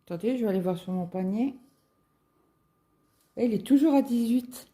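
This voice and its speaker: A woman chatting casually as a cross-stitch vlogger, musing aloud with halting fillers as she browses shops online. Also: fairly high pitch, mellow. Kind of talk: casual screen-share chat.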